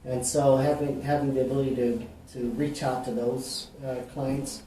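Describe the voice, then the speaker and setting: Answering interview questions, a realtor from Mexico rambles comfortably with plenty of fillers and restarts. His mid-range voice keeps a moderate pace, and the recording is roomy and echoey, taken from a distance, with a faint hiss or hum.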